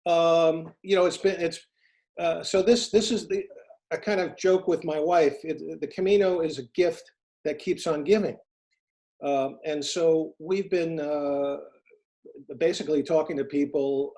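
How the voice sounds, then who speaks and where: A middle-aged American man sits for a casual interview, his voice a touch higher than most. He tells his stories earnestly, stumbling over restarts and fillers as he goes. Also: unhurried, mellow. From United States. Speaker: interview guest, former FBI agent turned private investigator.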